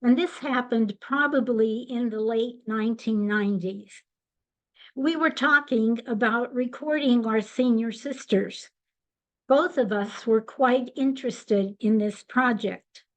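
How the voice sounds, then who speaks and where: Older female presenter, unhurried and deliberate, fairly high register. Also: rough recording. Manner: measured and deliberate. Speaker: webinar presenter. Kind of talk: slide presentation.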